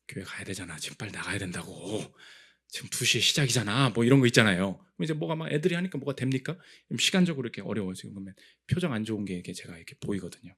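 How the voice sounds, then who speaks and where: A man preaching a Sunday sermon as pastor, animated, acting out quoted voices and building to emphatic peaks. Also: medium pitch, slightly rough. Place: church sanctuary.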